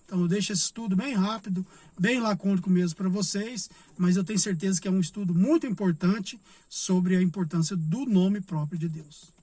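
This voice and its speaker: A man giving an informal Bible study lesson. He explains slowly, repeats his points and asks and answers his own questions. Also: sits high, warm tone, breathy edge, dry recording. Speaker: Bible teacher.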